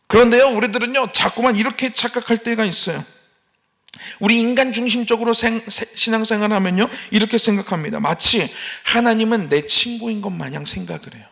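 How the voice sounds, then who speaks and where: High-voiced, gravelly male pastor preaching. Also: brisk, a bit bright. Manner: preaching with rising emphasis and acted complaints. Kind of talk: sermon. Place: church sanctuary.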